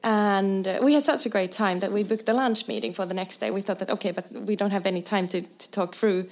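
A woman's voice: mid-range voice, fairly even intonation, brisk. A young woman from Finland, a designer guest, telling her story in a casual interview with lots of fillers, restarts and laughter. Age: young adult.

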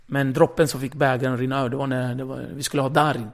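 A man, a former radio host, tells a story in a casual interview, blunt and lively, swearing freely and acting out the conversations. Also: mid-range voice, creaky.

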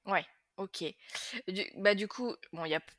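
A woman's voice: medium pitch, normal speed, fairly bright tone, no room sound, studio quality. A woman hosting a casual podcast interview, talking with many fillers and restarts. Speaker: podcast host, marketing manager.

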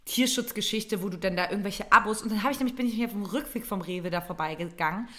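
A woman's voice: mid-range voice, quick pace. Chatty young woman podcast co-host. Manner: chatty, rambling, lots of filler sounds. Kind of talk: casual chat, storytelling. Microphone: wearing headphones.

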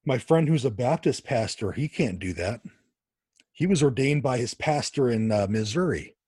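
Husky-voiced man telling his story. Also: medium pitch, moderate pace, dry recording, studio quality. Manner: animated, frequent restarts. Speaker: podcast guest. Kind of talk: conversational storytelling.

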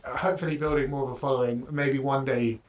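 A young man, a stand-up comedian, chatting in an interview in a hesitant way with many restarts and quick laughs. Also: medium pitch, steady tone, slight background noise. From Britain. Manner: hesitant, full of fillers and restarts, laughs often. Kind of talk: casual interview chat.

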